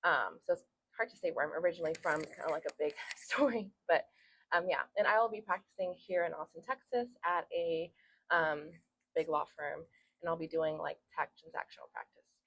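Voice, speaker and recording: Young woman law student chatting casually, kinda low voice, lots of ums and laughs. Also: brisk, fairly bright tone, rough recording. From Hungary. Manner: chatty, laughs often, many fillers. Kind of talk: casual interview talk.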